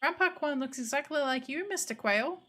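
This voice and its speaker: A woman's voice: high-pitched, expressive, moderate pace, a bit bright. A woman voicing a timid, polite young child in a video game. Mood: shy curiosity.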